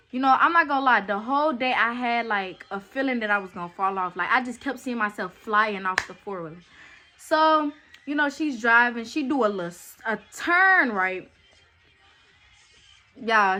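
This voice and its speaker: Bright-voiced young woman telling a storytime. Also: on the high side. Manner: chatty and animated, talks straight to viewers. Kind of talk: casual storytime chat.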